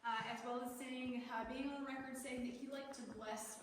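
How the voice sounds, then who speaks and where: A woman's voice: high-pitched, flat delivery, a little fast. A woman giving a casual, joking cave tour as a guide, with cave echo on her voice. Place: underground cave, indoors. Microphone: distant camera mic. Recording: echoey cave from far off, faint hiss.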